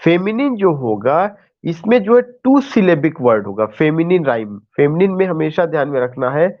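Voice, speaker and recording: A man's voice: a little high, big pitch swings, normal speed, muffled recording. A male teacher giving an online class lecture, explaining step by step with rhetorical questions and mixing in English terms.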